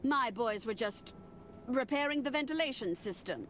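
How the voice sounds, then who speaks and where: A woman's voice: on the high side, expressive, moderate pace, fairly bright tone, slight background noise. A woman voicing a bossy, scheming aristocratic mother in a comedic game, haughty and scolding. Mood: defensive, haughty. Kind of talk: comedic adventure game acting.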